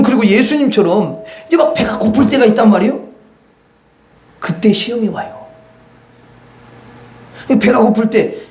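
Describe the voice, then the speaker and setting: Male pastor, high voice, emphatic sermon delivery; roomy church hall. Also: vocal fry, darkish tone. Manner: emphatic, repeats and addresses the congregation. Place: church sanctuary. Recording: echoey church hall, faint noise.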